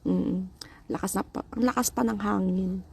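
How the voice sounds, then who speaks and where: A woman with a Filipino accent chats casually to viewers as a vlogger, sounding nasal and stuffed up from a blocked nose, in an unhurried, chatty way with small exclamations. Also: mid-range voice, steady tone, gravelly, a little hiss or hum. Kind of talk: casual chat to viewers while showing a DIY planting project.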